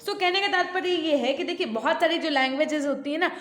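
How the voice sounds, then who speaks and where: A woman teacher with an Indian accent giving an online class, mixing Hindi and English, asking her students questions and reading English lines slowly. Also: high voice, fairly bright tone, reverberant.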